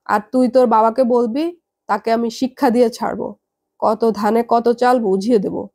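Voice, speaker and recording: A woman's voice: fairly high pitch, steady tone, moderate pace, warm tone. A woman voicing an angry, proud middle-aged mother who scolds her daughter over the phone in a heavy voice. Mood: scolding, furious.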